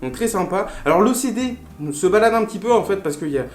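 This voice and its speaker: A man's voice: sits high, lively intonation, quick pace. A man hosting a casual unboxing video, talking in a chatty, playful way with lots of fillers and asides. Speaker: retro game collector and video host. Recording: roomy echo with faint music.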